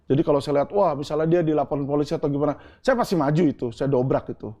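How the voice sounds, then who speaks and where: A man's voice: fairly high pitch, rapid-fire, warm tone. A middle-aged man from Indonesia in an interview, answering earnestly and explaining with homely examples and asides like "right?". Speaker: interview guest.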